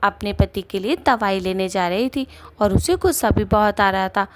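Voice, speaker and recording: A woman's voice: medium pitch, moderate pace, a little hiss or hum. A woman giving plain scripted narration for a cartoon story.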